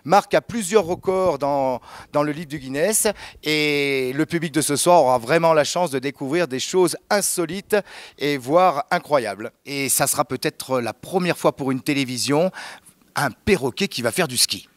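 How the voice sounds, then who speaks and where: A middle-aged man with a fairly high voice gives a promotional interview as a magician. His talk is playful showman patter with dry little jokes. The sound is dry, with no room around it. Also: moderate pace, dry recording. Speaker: professional magician, interview guest.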